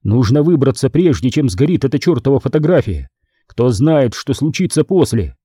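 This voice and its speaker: A steady young man takes charge, urging the others on and cutting off argument, voiced by a man. His tone is dark and a little husky. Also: medium pitch, moderate pace, no echo, clean studio sound. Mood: commanding. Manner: firm, commanding. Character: decisive young man, calm leader.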